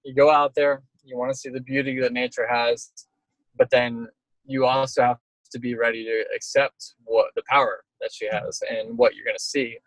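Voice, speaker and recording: A man's voice: mid-range voice, level tone, normal speed, no room sound, rough recording. A middle-aged man speaking as an interviewed storm chaser, casual and reflective, talking in rambling stop-start phrases.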